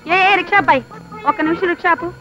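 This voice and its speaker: A chattering wife on a shopping spree. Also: female voice, extremely high pitch, fast talker, bright, forceful tone, muffled recording, faint music behind. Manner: insistent, chattering.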